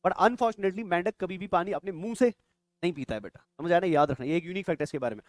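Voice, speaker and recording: A man's voice: high-pitched, quick pace, no room sound. A young adult man teaching biology for exam prep, constantly quizzing his students and calling them "beta". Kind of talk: exam-prep classroom lecture.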